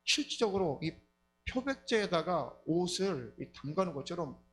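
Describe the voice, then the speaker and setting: A male pastor preaching a sermon, telling stories with lively acted-out prayers and quotes. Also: high voice, moderate pace, a little hiss or hum. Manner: animated storytelling, acting out prayers and quotes. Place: church sanctuary.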